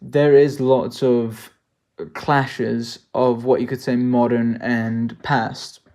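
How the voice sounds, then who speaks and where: A man's voice: medium pitch, level tone, slow pace, darkish tone. A man from South Africa chatting loosely through a live-stream Q&A as a worldbuilding creator, thinking aloud with jokey asides. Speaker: worldbuilding creator answering chat.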